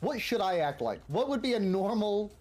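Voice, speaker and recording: A man's voice: sits high, sing-song, moderate pace, a little mellow, soft background music. A man in his thirties with a Boston accent, a streamer casually telling personal stories and often rephrasing himself. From Massachusetts, United States. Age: 30s. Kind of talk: casual chat, personal storytelling.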